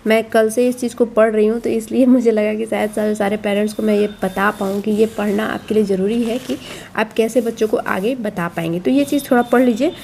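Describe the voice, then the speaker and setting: A woman's voice: medium pitch, fairly even intonation, fairly quick, gravelly, a little mellow, slight background noise. A woman explaining a schoolbook to parents, coaxing and reassuring, often repeating herself.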